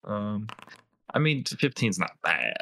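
A man's voice: lowish voice, sing-song, slow, pushed and bright. A man playing a tabletop game, asking hesitant rules questions full of fillers. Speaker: player. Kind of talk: casual game chat.

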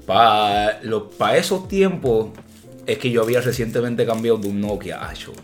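A young Puerto Rican man hosting a podcast, telling stories in a casual, animated way and often laughing. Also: lowish voice, normal speed, faint music behind. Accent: Puerto Rican Spanish. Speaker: podcast host. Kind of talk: casual storytelling chat.

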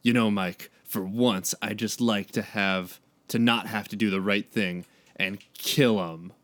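A man's voice: fairly even intonation, unhurried, a bit bright, dry recording. A man reading out a fan story, voicing a hot-headed male turtle brawler who grumbles that he wants to fight. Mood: grumbling. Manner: grumbling, low.

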